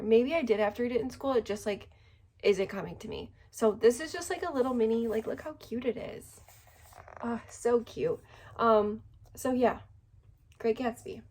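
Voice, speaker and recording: A woman's voice: a little high, a little mellow. A young woman vlogging about books in a rambling, self-deprecating way, filling her talk with "like". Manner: rambling, heavy use of filler "like". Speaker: book vlogger. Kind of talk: casual chat.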